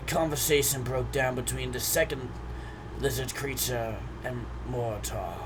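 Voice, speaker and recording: A man's voice: medium pitch, fairly even intonation, unhurried, close to an everyday voice. A man voicing a sheltered, formal male adventurer who talks politely and hesitantly in a tabletop role-play, over a noisy hum. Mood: prim.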